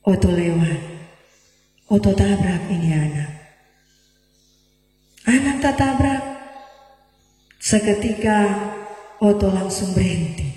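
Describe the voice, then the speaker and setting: A woman's voice: medium pitch, animated, takes it slowly, long pauses, dark tone. A woman pastor, telling an earnest story in her sermon in a large church. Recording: echoey church hall from far off, faint music.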